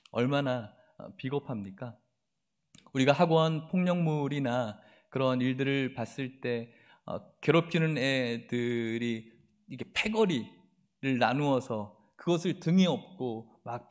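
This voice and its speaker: A man's voice: medium pitch, a little mellow. A man preaching a sermon as pastor, asking the congregation emphatic questions and acting out the mocking taunts of enemies in a sharper voice. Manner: reads scripture aloud slowly.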